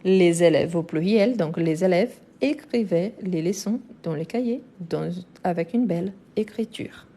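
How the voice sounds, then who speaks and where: A woman with French and Brazilian roots teaching French grammar in a live online lesson, speaking slowly and deliberately with frequent fillers and restarts. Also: fairly low pitch, dark tone. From France and Brazil. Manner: slow, deliberate, explanatory with many fillers.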